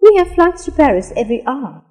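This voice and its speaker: A woman reading the lines of a scripted English lesson dialogue, slowly and with careful enunciation. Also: sits high, very animated, darkish tone, in a large hall. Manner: slow, careful, clearly enunciated delivery.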